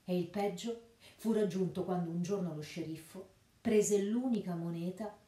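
A woman, an actress, narrating a fairy tale in an expressive, lively storybook style. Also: on the low side, moderate pace. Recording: roomy echo.

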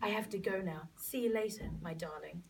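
Woman doing a giggly two-timing girlfriend, live script reading, high lively pitch, distant phone recording, loud hall noise. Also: normal speed. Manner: giggly, breaking into laughter. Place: cinema hall with audience.

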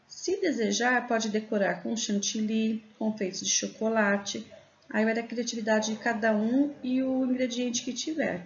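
A woman's voice: a little high, a little mellow. Brazilian teacher woman on a dull webcam. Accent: Brazilian Portuguese. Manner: friendly, explains step by step with many "né" and "tá". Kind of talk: casual instructional video lesson. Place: small room indoors. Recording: slightly dull lo-fi webcam sound.

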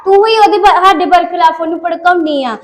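A young woman playing a sharp-tongued, quarrelsome sister-in-law, in a family web drama. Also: very high voice, a little fast. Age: young adult. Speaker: unmarried daughter of the house.

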